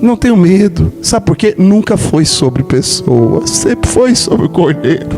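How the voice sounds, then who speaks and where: Impassioned high-voiced Brazilian preacher. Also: male voice, very animated, measured pace, over music. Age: 40s. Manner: impassioned, swells to high emotional peaks. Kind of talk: passionate sermon testimony.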